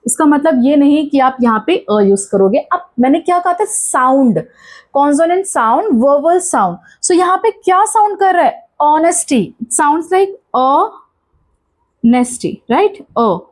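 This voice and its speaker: High-voiced Indian woman teaching grammar. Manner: asks questions and answers them herself, repeats key points; mixes Hindi with English terms. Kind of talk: classroom-style grammar lesson.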